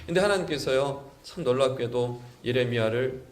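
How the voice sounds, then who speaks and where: A man preaching a Sunday sermon as pastor, lively and animated, acting out pleading voices and putting questions to the congregation. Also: medium pitch, normal speed. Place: church sanctuary. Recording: echoey church hall.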